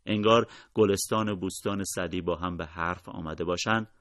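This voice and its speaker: A man reading a gentle, wise old mother. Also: low-pitched, steady tone, no room sound, clean studio sound.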